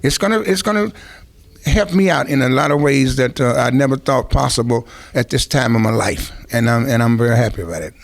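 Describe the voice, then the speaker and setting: A veteran musician, now older, spins meandering interview anecdotes with lots of restarts and side comments. His creaky, mid-range voice moves a little fast.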